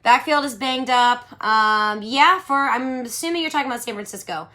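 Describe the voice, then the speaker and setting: A woman's voice: a little high, moderate pace, bright, forceful tone. A woman in her thirties hosting a casual livestream, chatty and giggly, answering viewer questions and saying "like" a lot. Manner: chatty, giggly, says "like" often.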